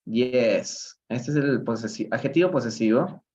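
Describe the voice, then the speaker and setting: A man's voice: mid-range voice, unhurried, dark tone. A man with a Peruvian Spanish accent teaching English live online, explaining step by step and asking questions of the chat. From Peru. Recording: slightly dull, lo-fi livestream audio.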